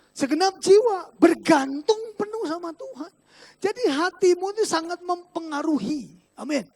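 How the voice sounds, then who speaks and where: A male pastor with a Sundanese-inflected Indonesian accent preaching a church sermon, animated and joking, swinging between loud exclaiming and quiet asides. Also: very high-pitched. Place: church service.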